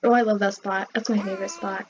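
A woman's voice: mid-range voice, steady tone, fast talker, a little mellow. A woman chatting playfully beside a friend as they play a video game. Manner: playful, giggly side comments. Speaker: co-player. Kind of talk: casual chat. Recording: dull lo-fi mic with faint hiss.

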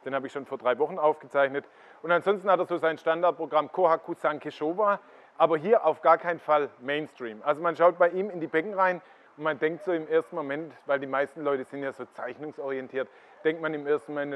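A man's voice: on the high side, fairly quick. A middle-aged man with a slightly raised voice talks his way through a greenhouse full of koi ponds. He keeps steering the listener toward one fish after another and explains what makes each one good. The sound is a bit dull and lo-fi. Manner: explanatory, pointing viewers to fish. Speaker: koi dealer giving a farm tour. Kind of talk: walking tour commentary.

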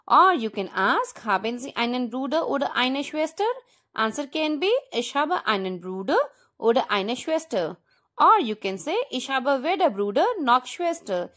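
A woman with an Indian accent teaches a language lesson, speaking deliberately and repeating example sentences as she instructs. Her voice is a little high and a bit bright.

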